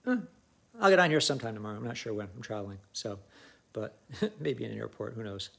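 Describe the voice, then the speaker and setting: A man's voice: lowish voice, big pitch swings, quick pace, gravelly, fairly bright tone, breathy edge. A middle-aged man who works as a life coach, giving an earnest, reflective motivational talk to his viewers with frequent ums. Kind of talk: casual motivational livestream talk.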